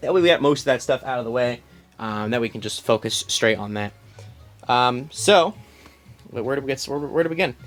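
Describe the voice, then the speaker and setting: This young collector's walkthrough is animated and fairly quick, delivered in a bright mid-range voice over soft background music. He shows off his collection to a phone camera in a small home room, rambling with plenty of ums and restarts.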